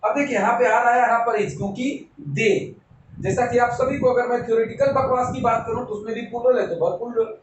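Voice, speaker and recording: A man's voice: very high-pitched, fairly even intonation, dull audio. A man teaching English grammar in a classroom-style lecture, repeating rules and checking whether students follow. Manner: repetitive, checks understanding with rhetorical questions; slows down, dictating example sentences. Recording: very echoey room, mic at a distance, noisy.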